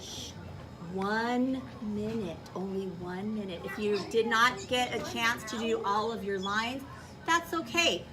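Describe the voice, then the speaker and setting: An elementary school teacher instructs children in a noisy classroom, projecting her voice and asking questions to check they understand. Her pitch is fairly high and her pace a little slow, with crowd noise around her. The mic sits at a distance.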